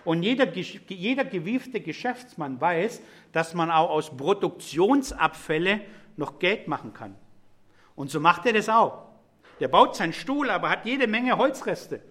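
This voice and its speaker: A middle-aged man with a fairly high voice delivers a sermon. He explains scripture in an easy, conversational way and speaks straight to his listeners, as if talking with them rather than at them. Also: animated, unhurried, a bit bright, husky. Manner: conversational, explanatory, addresses congregation directly. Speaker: preacher.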